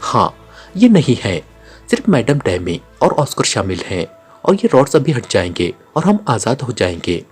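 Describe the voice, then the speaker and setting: A man voicing a sly, calm male secret agent hero in an audiobook, speaking smoothly and cunningly. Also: mid-range voice, normal speed, faint music behind.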